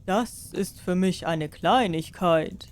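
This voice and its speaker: A woman voicing a proud, boastful male sorcerer in a storybook reading, speaking slowly and grandly. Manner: proud, slow, booming.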